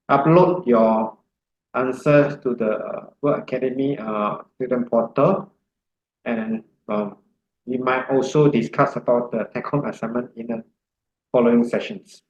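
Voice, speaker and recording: Male course instructor, halting delivery, faint hiss in an echoey room. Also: mid-range voice, darkish tone, dull audio. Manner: halting, many fillers. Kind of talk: online orientation session.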